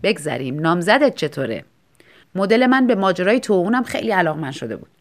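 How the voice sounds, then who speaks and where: Self-assured male painter played by a woman, unhurried, teasing, storybook reading. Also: on the low side, big pitch swings. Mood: amused calm.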